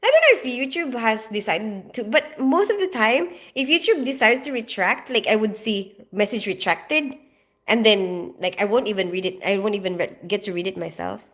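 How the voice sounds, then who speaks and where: A middle-aged woman from the Philippines hosting a casual livestream, reading viewer comments aloud and chatting with a quick laugh. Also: medium pitch, fairly bright tone. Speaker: livestream host.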